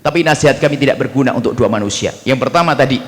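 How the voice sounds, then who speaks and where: A man from Indonesia giving a lively sermon, swinging between loud exclamations and quiet asides. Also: mid-range voice, racing. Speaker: preacher. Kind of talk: lively sermon to a live audience. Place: large hall at a religious gathering. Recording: long hall reverb.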